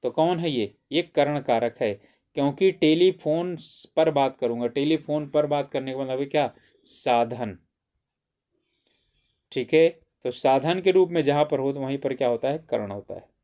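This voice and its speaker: A man's voice: medium pitch, unhurried, mellow. A man teaching an exam-prep grammar lesson, who keeps asking questions and answering them himself, often saying "theek hai".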